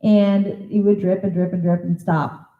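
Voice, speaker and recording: A woman giving a talk as a psychic medium, telling stories in a lively way and acting out the conversations. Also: fairly low pitch, unhurried. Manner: lively storyteller who acts out conversations. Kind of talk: anecdotal storytelling presentation. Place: convention presentation room. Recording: echoey hall, thin phone-like sound.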